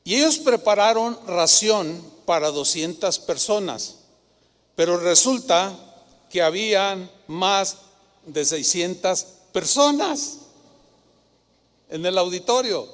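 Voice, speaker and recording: Animated Mexican pastor preaching, high voice. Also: male voice, takes it slowly, pauses often, big-room sound. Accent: Mexican Spanish. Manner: animated storytelling, acting out quoted voices. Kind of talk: sermon.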